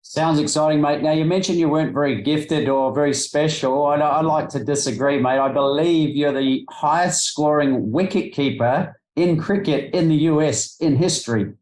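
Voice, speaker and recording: A man's voice: on the high side, normal speed, hardly any pauses, darkish tone. An upbeat man with an Australian accent hosting an interview, with friendly banter. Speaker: host. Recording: roomy echo.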